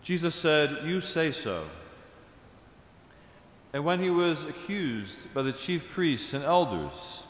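A man proclaiming the Passion reading at Mass in a measured, solemn way, in a church. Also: on the high side, lively intonation. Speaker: reader at Mass. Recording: echoey church reverb.

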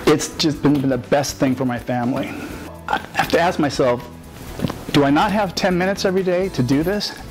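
A man's voice: on the high side, moderate pace, music in the background, low-quality recording. Enthusiastic male customer testimonial. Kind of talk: testimonial interview.

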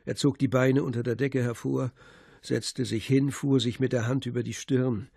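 A man narrating an audiobook with measured, even delivery. His voice has a gravelly grain and a husky edge. It sounds close and dry, with no room around it. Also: medium pitch, no room sound. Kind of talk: scripted narration.

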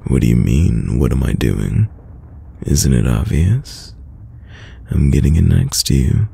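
A tender, playful mood runs through this ASMR roleplay, where a voice actor portrays a teasing young boyfriend caring for his sick partner. He uses an expressive, exaggerated, very deep and gravelly voice, speaking slowly, softly, soothingly and with affection.

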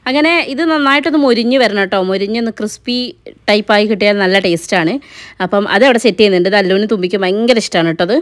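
A woman's voice: medium pitch, racing. A woman chatting casually to viewers while cooking at home, filmed on a handheld phone. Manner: chatty, addresses viewers as guys. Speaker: vlogger and mother. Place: home kitchen and living room.

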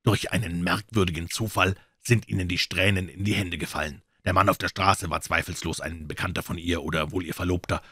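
A man calmly narrating a classic detective story as an audiobook reader. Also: low-pitched, a little fast, few pauses, slightly rough, no echo, studio quality. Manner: calm storytelling reading. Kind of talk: scripted narration.

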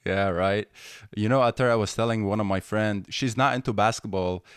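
A man's voice: on the low side, brisk, smooth, no echo. A young adult man hosting a podcast, asking friendly, curious questions from a small home studio. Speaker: podcast host. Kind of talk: casual interview talk. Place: bedroom-style home studio. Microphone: studio mic with headphones.

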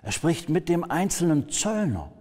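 A man preaching a sermon as pastor, slow and emphatic, letting phrases fall to a soft hush at the ends. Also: a little high, sing-song. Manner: slow, emphatic, dropping to soft hushed endings. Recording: long hall reverb.

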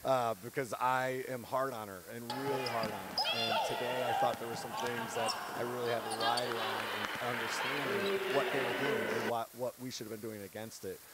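Speaking fairly quickly with a steady, medium-pitched tone and few pauses, a man in his thirties, a head basketball coach, gives an earnest, candid post-game interview into a handheld mic. He laughs between points, and the courtside set in an empty arena makes for a very noisy recording.

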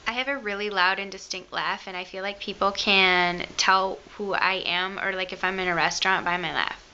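Talking to a camera held close to her face in her bedroom, a young woman with a Michigan accent chats, mocks herself and drifts into rambling asides. She's a beauty vlogger with a mid-range, sharp voice, a steady tone and moderate pace, captured in lo-fi sound with slight background noise.

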